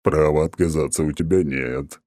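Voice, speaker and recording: A man's voice: extremely low pitch, steady tone, normal speed, a little mellow, dry recording, clean studio sound. A man voicing an arrogant ancient male oak god who talks down in a haughty, mocking way. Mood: smug, haughty.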